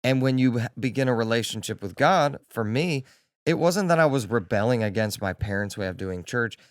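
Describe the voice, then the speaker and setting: A man's voice: medium pitch, expressive, fairly quick. A man co-hosting a faith podcast, speaking in an easygoing, conversational way. He works through his ideas by repeating phrases and leaning on "like". His mid-range voice sits close and dry, with no room echo. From Delaware, USA. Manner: conversational, builds points with repetition, frequent "like". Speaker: podcast co-host. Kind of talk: casual chat.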